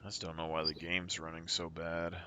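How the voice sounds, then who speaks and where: With a deep, monotone voice that sounds pushed and bright, this streamer talks a little fast. He rambles casually with a friend about the game while game sounds and ship ambience play noisily in the background.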